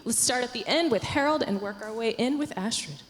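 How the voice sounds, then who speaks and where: A woman moderating a panel discussion on a conference stage, speaking in a measured way. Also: fairly high pitch, animated, a little hiss or hum. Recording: reverberant conference hall.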